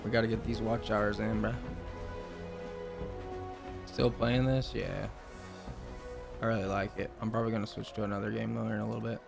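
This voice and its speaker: A man's voice: fairly low pitch, level tone, normal speed, gravelly, pauses often, music in the background. Laid-back slangy male streamer. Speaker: game streamer. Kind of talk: casual live-stream chat.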